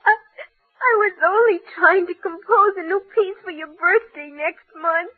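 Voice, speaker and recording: Very high-voiced scheming little girl. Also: measured pace, no echo. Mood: tearful, clinging. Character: possessive, scheming young daughter feigning sweet innocence. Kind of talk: old-time radio drama acting. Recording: tinny old radio recording.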